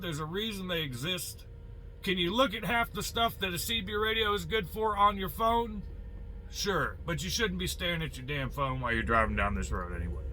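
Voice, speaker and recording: Speaking like a working trucker handing out advice, an American man with a high, very bright and forceful voice delivers a casual, opinionated monologue to viewers. He's blunt and folksy, cursing mildly and firing questions at the listener. The low-quality recording carries a little hiss or hum.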